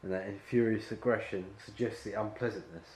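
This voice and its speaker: A man's voice: lowish voice, fairly even intonation, a little fast, darkish tone, slight background noise. A man directing an actor at an audition, rambling and full of fillers as he explains the scene. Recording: echoey room with faint ambience.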